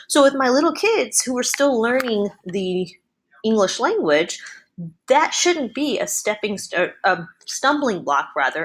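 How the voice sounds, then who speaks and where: A woman narrating an explanatory software tutorial as an educator. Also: mid-range voice.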